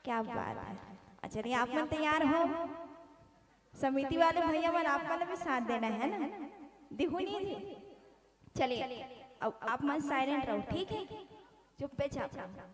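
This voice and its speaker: A woman's voice: high-pitched, animated, unhurried, long pauses, roomy sound. A woman with a Chhattisgarhi accent leading a religious gathering from the stage, coaxing the audience with call-and-response questions, with devotional folk music behind her. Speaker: Ramayan singer leading the assembly. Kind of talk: devotional stage address to a crowd.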